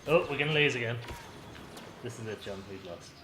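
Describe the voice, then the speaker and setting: Man, casual game commentary, animated pitch, roomy echo, noisy background. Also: fairly quick. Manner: excitable, with sudden high yelps and laughs. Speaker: gameplay co-host and player. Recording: echoey room with background noise.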